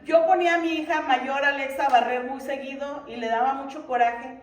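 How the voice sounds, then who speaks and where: A woman's voice: high voice, fairly even intonation, moderate pace. A middle-aged woman giving a Bible lesson to a congregation, earnest and full of rhetorical questions. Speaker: Bible teacher in a church ministry. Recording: roomy echo from a distant mic.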